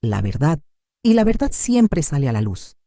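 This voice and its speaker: A man's voice: fairly high pitch, huge pitch swings, normal speed, warm tone, no echo, studio quality. A woman voicing a determined, protective male lawyer who speaks firmly and earnestly in a storybook narration. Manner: firm and earnest.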